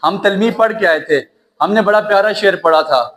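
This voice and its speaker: A man giving a classroom grammar lecture, often pausing to check that students follow and spelling words out slowly. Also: sits high, a bit bright. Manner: repeats checks like "right?", calls students "child", spells slowly. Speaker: English grammar teacher.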